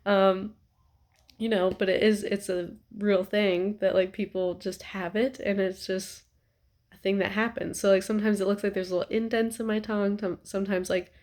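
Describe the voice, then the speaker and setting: Young female vlogger, casual and rambling, slightly stuffy nose, mid-pitched voice, recorded on a home couch. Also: little pitch movement, normal speed, darkish tone. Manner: chatty, rambling, many ums and likes. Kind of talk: casual chat to camera.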